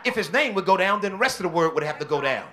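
A man preaching a sermon as senior pastor, with call-and-response shouting bursts and quieter stretches. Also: high voice, animated, racing, a faint crowd. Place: church.

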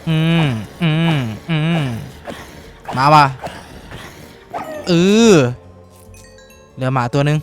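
A young man giving casual, rough-spoken commentary while playing a game, swearing a lot and yelping when startled. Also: a little high, steady tone, very slow, pauses often, soft background music. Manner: swears freely, shouts in sudden panic. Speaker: gaming streamer. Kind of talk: casual Minecraft let's-play commentary.

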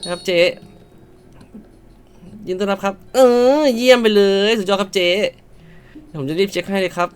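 A woman commentating a shop game, loud and exclamatory, swearing playfully at the game characters and now and then switching to a polite clerk voice. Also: medium pitch, normal speed, long pauses, clean tone, soft background music. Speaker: gamer. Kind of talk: let's-play commentary.

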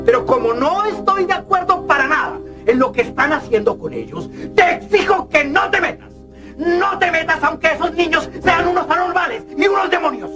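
An indignant middle-aged father in a TV melodrama. He is fussy and controlling, scolding with sarcasm and heavy emphasis. The voice sits high, with soft music underneath. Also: sing-song, a little fast, hardly any pauses. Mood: dismissive, indignant. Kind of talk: telenovela acting. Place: furnished bedroom set, indoors.

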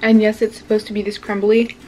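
A woman's voice: mid-range voice, completely flat delivery, a little fast, darkish tone, soft background music. A young woman vlogger chatting enthusiastically in a casual product review, talking while chewing.

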